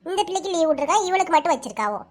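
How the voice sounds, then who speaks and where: A woman with a Kanyakumari Tamil accent voices a whole cartoon family. Her voice sits extremely high. She delivers quick, scolding, teasing dialogue. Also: expressive. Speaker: cartoon narrator and voice actor. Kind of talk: cartoon voice acting, all characters.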